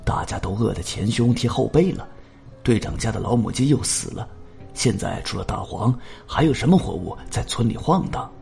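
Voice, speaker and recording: A man's voice: lowish voice, lively intonation, moderate pace, creaky, darkish tone, soft background music. A man voicing a worn-out village father who pleads patiently and sighs. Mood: weary pleading.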